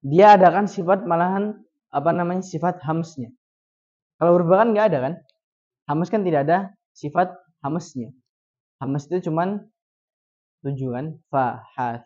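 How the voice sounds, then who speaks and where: A man teaching Quran recitation. He poses questions and answers them himself, and he repeats syllables slowly to demonstrate each sound. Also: on the high side, darkish tone. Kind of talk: recitation lesson. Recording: dull lo-fi recording.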